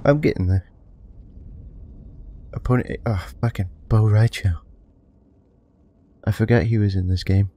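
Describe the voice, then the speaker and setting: A man's voice: lowish voice, unhurried, pauses often, dark tone, a little hiss or hum. A man giving casual commentary on his own fighting game play, joking, swearing and taunting the characters on screen. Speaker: let's play host. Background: faint game music.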